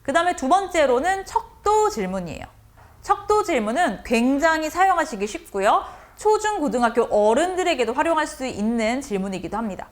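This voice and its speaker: A woman's voice: high-pitched, a little fast. A woman lecturing teachers on how to talk with students, often acting out the lines of teacher and child. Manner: lively, acts out teacher and child lines in a changed voice.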